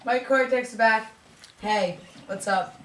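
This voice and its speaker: A woman's voice: on the high side, takes it slowly, a bit bright, slight background noise. A young woman chatting casually with her friends. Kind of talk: casual chat among friends. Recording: distant echoey room with chatter.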